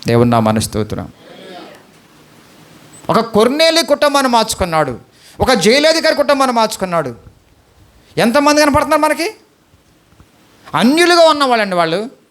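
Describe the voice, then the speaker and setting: High-voiced pleading Telugu pastor. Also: male voice, a bit bright. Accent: Andhra Telugu. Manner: pleading, questioning the congregation. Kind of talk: sermon.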